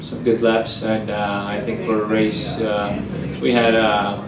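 A young man, a racer, speaking slowly with many fillers before a race in a garage. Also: lowish voice, completely flat delivery, crowd noise. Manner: slow, halting, with frequent fillers. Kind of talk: pre-race interview. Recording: roomy, distant, noisy garage.

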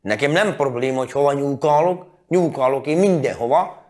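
A man's voice: medium pitch, a little mellow. A man talking to camera in a reality show confessional, mildly mocking.

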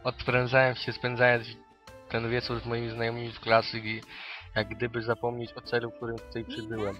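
A man reading a visual novel aloud in calm, subdued first-person narration. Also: mid-range voice, a little fast, faint music behind. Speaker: reader.

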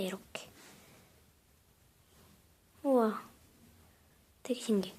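A young woman chatting casually through a step-by-step craft tutorial at home, often dropping into soft whispers as she works. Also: high-pitched, a little hiss or hum. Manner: chatty, drops to soft whispers while working. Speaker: craft vlogger.

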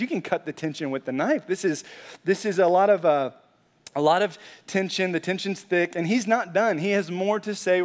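A pastor preaching a sermon in a conversational, animated way, often saying "like" and restarting phrases. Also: male voice, a little high. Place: church sanctuary.

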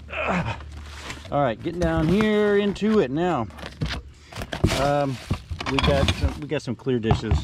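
A man talks casually as he goes through things from a storage unit in an outdoor yard, rambling along with plenty of "uh"s and "like"s. His voice sits at a middle pitch. Clear clicking and handling noise comes through the handheld camera mic. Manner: rambling, folksy, lots of fillers. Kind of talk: casual filmed walkthrough. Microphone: handheld camera, first-person view.

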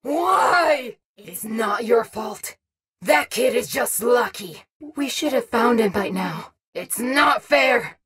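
A woman's voice: a little high, animated, takes it slowly, fairly bright tone, husky, raised voice, heavily acted. A woman voicing a vain, competitive animatronic wolf rock star in a video game, boastful and taunting, with a menacing and insecure edge. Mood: wounded, whiny. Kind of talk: video game character voice acting.

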